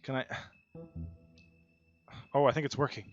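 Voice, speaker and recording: A man's voice: mid-range voice, fairly even intonation, unhurried. A man hosting a gaming channel, chatting casually while he plays and joking with his viewers in a playful, teasing way, laughing often. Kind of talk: casual let's-play commentary. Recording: dull lo-fi mic. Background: game music.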